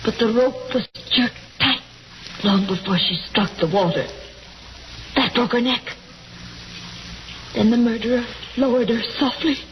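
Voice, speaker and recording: A woman acting a small, frightened, exhausted wife in a 1940s radio drama, speaking in halting, breathless, insistent phrases. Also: on the high side. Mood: fearful, urgent. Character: small frightened exhausted wife, hysterical survivor of attempted murder. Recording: noisy muffled 1940s radio recording.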